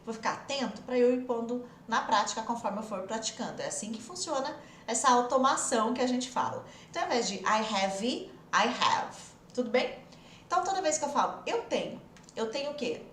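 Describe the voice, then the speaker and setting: A woman's voice: fairly high pitch, reverberant, slight background noise. A Brazilian woman teaching English in an online lesson, coaxing and explaining step by step. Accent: Brazilian Portuguese.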